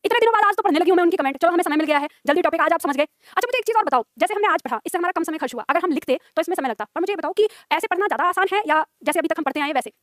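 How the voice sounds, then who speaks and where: Fast, high-voiced woman teacher. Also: lively intonation, a bit bright, dry recording, clean studio sound. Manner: chatty, laughing, addresses students directly. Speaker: Hindi teacher. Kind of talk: live classroom lesson chat. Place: classroom with students.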